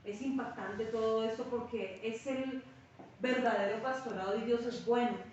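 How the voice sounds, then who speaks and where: Speaking at a normal speed in a fairly high voice, a woman pastor leads a Bible class in a sermon-like style, animating her stories by performing what people said. The audio carries slight hiss or hum and sounds dull and far off, captured in a heavily reverberant room.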